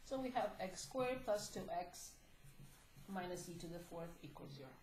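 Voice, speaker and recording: A woman teaching a math class, hoarse and coughing, asking the class questions at a slow pace. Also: on the low side, animated. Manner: slow, deliberate, prompting questions. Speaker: math instructor. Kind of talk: classroom lecture. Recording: echoey classroom, faint noise.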